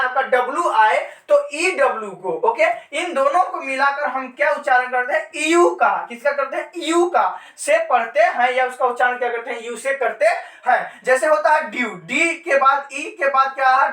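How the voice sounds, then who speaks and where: A woman's voice: sits high, a bit bright. A woman teaching English pronunciation in a patient classroom manner, repeating points and asking herself questions before answering. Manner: patient, repetitive, asks and answers own questions. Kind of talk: classroom-style lesson. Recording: echoey room from far off.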